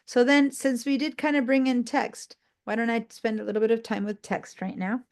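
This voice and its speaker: A sleep-deprived woman teaching a live online design software class, talking in a loose, rambling way with many fillers and restarts. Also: on the high side, steady tone, moderate pace.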